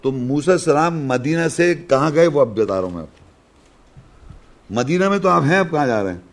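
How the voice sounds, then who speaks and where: A man with a fairly high voice teaches a scripture lesson, walking his listeners through each verse. He speaks in a chatty, explaining way, often posing questions and answering them himself. Now and then he slows down to chant a verse. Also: expressive. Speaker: religious teacher.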